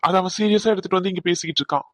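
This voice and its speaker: A man voicing a kind young groom in a cartoon, calmly reassuring his tearful bride. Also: high voice, racing, dry recording, close to an everyday voice. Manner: reassuring, coaxing. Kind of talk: cartoon dubbing.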